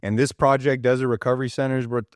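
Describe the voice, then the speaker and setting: A middle-aged man, a guest on a podcast, talking in a casual, animated way and peppering his speech with dude and bro. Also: medium pitch, fast talker, no echo, clean studio sound. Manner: animated storyteller, slangy, says dude and bro. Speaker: podcast guest, recovery center director. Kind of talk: casual conversation.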